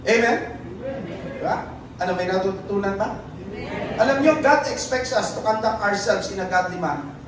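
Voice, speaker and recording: In a church hall, a preacher with a Filipino accent delivers a sermon and keeps asking the congregation for an amen. He speaks at medium pitch and a moderate pace with long pauses, over crowd noise, in a very echoey room far from the mic.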